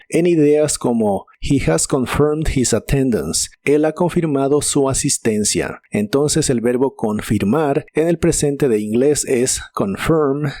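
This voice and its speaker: A man's voice: mid-range voice, mellow, no room sound, studio quality. A man narrating a scripted English vocabulary lesson, carefully spelling out and repeating each word's pronunciation. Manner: slow, deliberate pronunciation drills. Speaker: English teacher.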